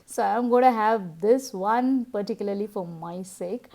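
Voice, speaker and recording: Female home vlogger, thirties, Tamil Indian accent, mid-pitched voice, casual narration. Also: moderate pace, warm tone. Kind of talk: casual household vlog narration.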